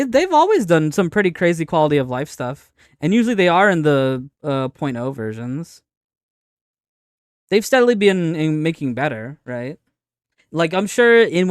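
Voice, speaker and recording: A man streaming casual live commentary, arguing his points in an insistent, halting way with frequent repetition. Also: a little high, no echo, studio quality. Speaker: streamer reacting to a video and answering chat. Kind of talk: casual live commentary, debating game updates.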